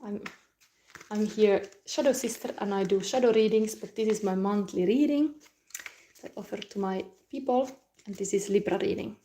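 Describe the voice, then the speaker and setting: A woman from Finland, giving a live tarot reading in a soft, musing way with frequent hums and restarts. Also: mid-range voice, moderate pace, slight background noise. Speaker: tarot reader.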